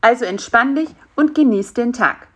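A gruff, sleepy male spider, played by a woman reading a story aloud, grumbling and brushing off every request. His voice sits a little above her own, with a lively lilt. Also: a little high, normal speed, pitched above the performer's own voice. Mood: dismissive. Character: grumpy, lazy male spider who wants his nap.

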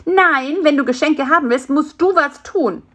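A woman's voice: high-pitched, moderate pace, fairly bright tone, pitched above the performer's own voice. A woman voicing a clever, pushy male fly who is impatient and full of plans, in a storybook reading. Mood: scolding. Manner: bossy, eager, talks people into plans. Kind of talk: storybook character voice.

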